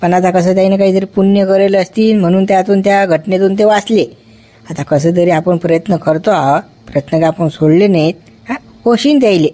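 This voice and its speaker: A man's voice: high-pitched, a little fast, dark tone, close to an everyday voice. A man playing a self-important hospital doctor in a comedy sketch, reassuring relatives and scolding staff. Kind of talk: village comedy sketch acting.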